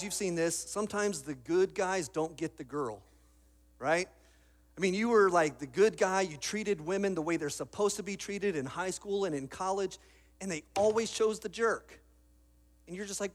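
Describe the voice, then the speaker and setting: Man, high voice, casual sermon, restarts often. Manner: casual storytelling with repeated restarts. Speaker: pastor.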